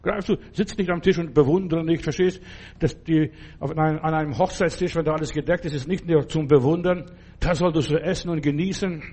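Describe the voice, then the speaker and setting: A man preaching a sermon, urging his listeners with many repeated phrases and acting out prayers in a hushed voice. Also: a little high, steady tone, brisk. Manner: exhorting, repetitive, acts out prayers in hushed tones.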